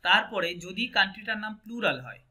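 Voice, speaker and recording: A man with a Bangladeshi Bengali accent leads a French lesson and keeps checking that his students follow. His voice is very bright and sits a little high. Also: lively intonation, brisk, a little hiss or hum. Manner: patient, asks checking questions often. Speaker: French teacher. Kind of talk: online language class.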